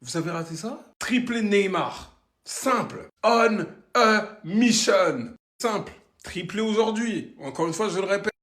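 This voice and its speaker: Excitable man with a high voice. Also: moderate pace, echoey room. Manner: animated, shouts and exclamations. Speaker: football reaction creator. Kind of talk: excited reaction video.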